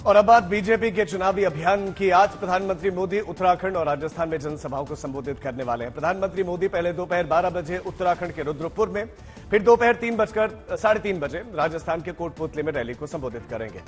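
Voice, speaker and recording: Man, news anchor, scripted bulletin, slightly high voice, background music. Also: a little fast. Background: music bed.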